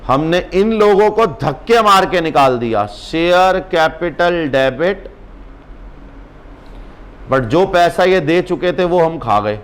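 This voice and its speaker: A male accounts teacher in a brisk exam-prep lecture, teasing and urging his students on. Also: a little high, expressive.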